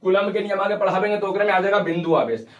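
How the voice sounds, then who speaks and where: Guy teaching physics, high voice, echoey room, sounds far from the mic. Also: fast. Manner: questioning, repeats terms for students to echo. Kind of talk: classroom lecture with call-and-response. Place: classroom.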